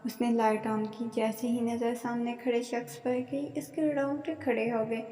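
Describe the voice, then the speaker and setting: A woman narrating a dramatic story in a steady, even reading voice. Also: fairly high pitch. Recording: echoey room with long reverb.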